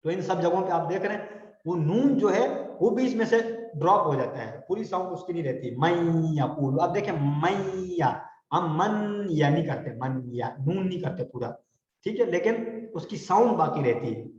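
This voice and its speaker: A man teaching Quran recitation rules, slowly drawing out example words for students to repeat. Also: sits high, expressive, darkish tone. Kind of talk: tajweed lesson with call-and-response recitation. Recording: echoey hall, dull lo-fi sound.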